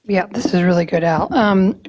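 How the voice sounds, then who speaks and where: Female board member, slightly low voice, informal and tentative as she queries wording. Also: moderate pace, a little mellow. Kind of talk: informal meeting discussion.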